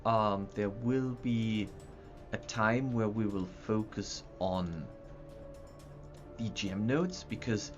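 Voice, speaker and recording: Speaking slowly in a lowish voice, a livestream host demos map software while chatting in a loose, rambling way full of stumbling restarts and repeated words. Faint music plays under the dull, lo-fi audio.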